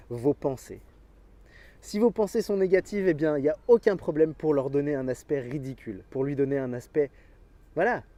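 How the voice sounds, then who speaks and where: Energetic man, fairly high mellow voice. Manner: energetic, addresses viewers directly, chuckles often. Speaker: sports motivation youtuber. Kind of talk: motivational talk to camera.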